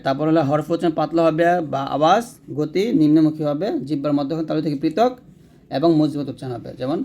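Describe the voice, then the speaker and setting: Male Quran recitation teacher with a fairly high voice, patient step-by-step explainer who demonstrates sounds and fixes his own slips. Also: quick pace, a little mellow. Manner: corrects his own slips mid-sentence. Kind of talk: spoken lesson on letter pronunciation.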